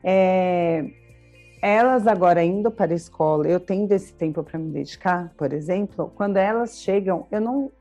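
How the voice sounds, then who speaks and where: Brazilian woman podcast co-host, thirties, warm mellow tone, chatty and explanatory, faint music underneath. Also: lowish voice, normal speed. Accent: Brazilian Portuguese. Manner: chatty, explains with everyday examples and frequent tag questions. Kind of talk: casual chat.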